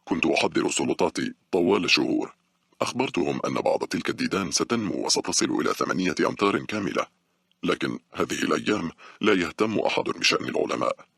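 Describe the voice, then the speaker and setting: A man voicing a shy but smug grey-haired male worm scientist in an audiobook, gentle and lecturing. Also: low-pitched, animated, fast, creaky, husky, no echo, heavily acted. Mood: exasperated. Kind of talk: audiobook character reading.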